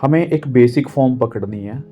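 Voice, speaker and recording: A man from India talks through a drawing lesson patiently, pausing on fillers as he explains each step. His voice is mid-pitched. The audio is dull and lo-fi, with soft music underneath. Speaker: art teacher. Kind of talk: drawing tutorial talk. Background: faint background music.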